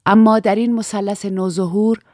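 A woman narrating a novel in a measured, even reading voice. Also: mid-range voice, dry recording, clean studio sound. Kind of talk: scripted audiobook narration.

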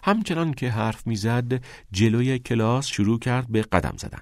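A man reading a novel aloud as an audiobook narrator, in measured storytelling. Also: mid-range voice, lively intonation, dry recording.

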